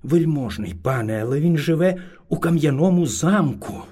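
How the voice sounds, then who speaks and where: A man voicing a small, timid but clever male hare who speaks very politely and flatters. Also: on the high side, normal speed, husky. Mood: pleading.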